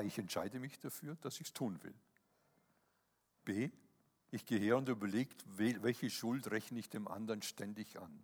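A man's voice: lowish voice, slightly rough. A man preaching a sermon in an earnest manner, often checking in with listeners with a questioning "ja?". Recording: reverberant hall.

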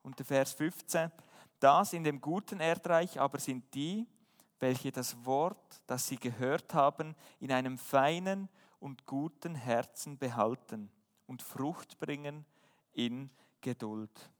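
A man's voice: mid-range voice, slow, in a large hall. A man preaching a sermon, earnest and emphatic, often asking rhetorical questions.

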